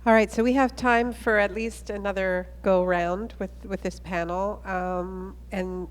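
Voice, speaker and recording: A woman's voice: mid-range voice, fairly even intonation, measured pace, a little hiss or hum. Panel moderator woman in a reverberant hall. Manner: thoughtful, long winding questions.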